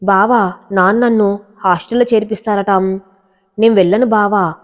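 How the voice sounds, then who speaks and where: A woman's voice: mid-range voice, fairly even intonation, moderate pace, big-room sound, lightly acted. A woman voicing a tender, tearful young village woman who pleads emotionally in a storybook narration. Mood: pleading.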